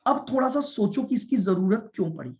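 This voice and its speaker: A man's voice: sits high, very animated, a little mellow. A man teaching a commerce class, explaining step by step, repeating his points and checking whether the students follow. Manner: speaks deliberately and stresses listening. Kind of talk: classroom lecture. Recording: dull lo-fi lecture recording.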